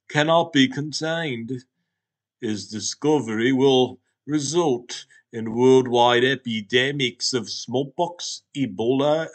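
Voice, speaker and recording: A man with a medium-pitched voice and a slight English accent plays a solemn, prophetic talking snack pastry, using grand, archaic phrasing.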